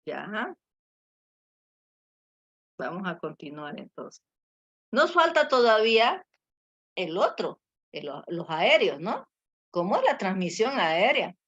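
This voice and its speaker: A woman's voice: medium pitch, big pitch swings, takes it slowly, long pauses, fairly bright tone, husky, dry recording. A woman teacher giving a class lecture, with many fillers and tag questions. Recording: muffled lo-fi audio.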